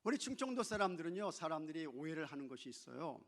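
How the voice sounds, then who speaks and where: A man preaching a sermon as pastor, shifting from loud exclamations to hushed asides and playfully mimicking regional dialects. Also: fairly high pitch, sing-song, fast talker. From not from Chungcheong. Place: church sanctuary.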